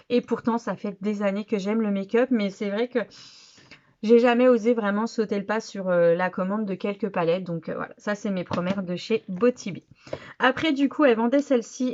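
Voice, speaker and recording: Woman beauty vlogger, mid-pitched, loose chatty delivery with many fillers, slightly muffled home recording. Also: darkish tone. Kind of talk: casual haul video.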